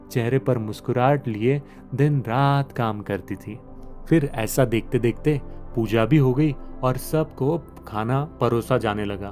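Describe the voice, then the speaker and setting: Mellow male devotional storyteller. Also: mid-range voice. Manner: earnest, moralizing.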